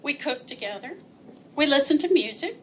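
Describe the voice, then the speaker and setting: A woman's voice: high-pitched, expressive, moderate pace, slight background noise. A woman telling a personal story aloud in a wry, self-mocking way, often laughing as she speaks.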